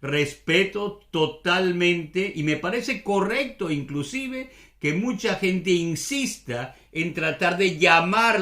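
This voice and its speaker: A man from Venezuela with a Venezuelan Caribbean accent, hosting a Spanish-language show in a relaxed monologue, rambling and thinking aloud with many hesitations. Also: mid-range voice, roomy sound. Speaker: Spanish language podcast host.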